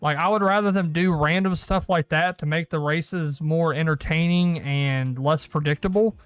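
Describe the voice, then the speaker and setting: A man's voice: fairly high pitch, normal speed, smooth, no echo. A man hosting a casual gaming news show, rambling and correcting himself as he goes. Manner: rambling, self-correcting, laughs often. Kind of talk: casual solo gaming chat.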